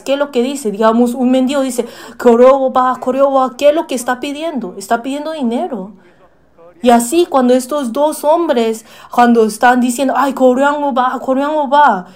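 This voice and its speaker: A woman's voice: a little high, darkish tone. A woman preaching a sermon, asking the listeners questions, with frequent hesitations and fillers. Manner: asks the listeners questions and acts out quoted pleas.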